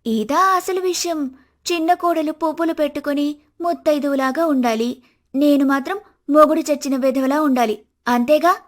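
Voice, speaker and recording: A woman's voice: high voice, moderate pace, close to an everyday voice. Woman doing a proud, sulky young daughter-in-law. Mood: sarcastic. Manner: sharp, sarcastic, whiny.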